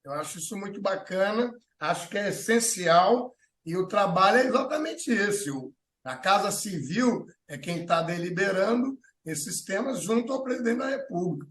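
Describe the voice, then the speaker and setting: A Brazilian man hosts a talk show, voicing strong opinions. His voice sits high and often hesitates and restarts mid-sentence. The sound carries a clear room echo. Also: lively intonation, normal speed, a bit bright. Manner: thinks aloud with many fillers and restarts. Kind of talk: opinionated political chat.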